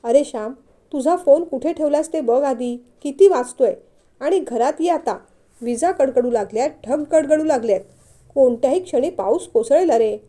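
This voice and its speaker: A woman's voice: sits high, lively intonation, normal speed, mellow. A woman voicing a fussing middle-aged mother who scolds her son in a read-aloud story. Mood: scolding. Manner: scolding, bossy.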